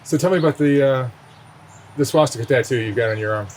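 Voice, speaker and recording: Male interviewer, mid-range pitch, conversational questions, documentary style, outdoor ambience, birdsong. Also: quick pace, a little mellow. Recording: clear outdoor ambient noise.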